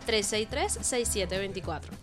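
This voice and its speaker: A woman's voice: mid-range voice, lively intonation, unhurried, over music. A Venezuelan woman, a hiking guide, chatting earnestly as a radio guest. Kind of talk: casual interview.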